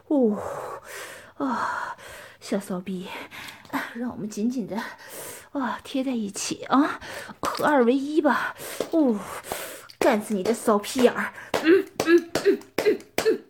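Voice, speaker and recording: A woman's voice: on the high side, lively intonation, slow. A woman playing a bossy possessive older schoolmate. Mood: domineering. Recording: noisy recording with clicks.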